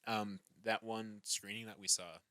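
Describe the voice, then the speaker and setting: A man co-hosting a podcast in casual chat, relaxed and full of "um" and "like", recorded at an outdoor fire pit. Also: fairly low pitch, measured pace, dry recording, clean studio sound. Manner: relaxed, many fillers like "um" and "like". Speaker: podcast co-host.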